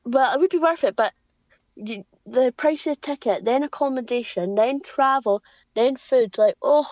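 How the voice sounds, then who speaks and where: A young woman, chatting casually as a podcast co-host, full of "like" and quick asides. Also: sits high, darkish tone, no echo. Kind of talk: casual chat. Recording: dry, dull home podcast audio.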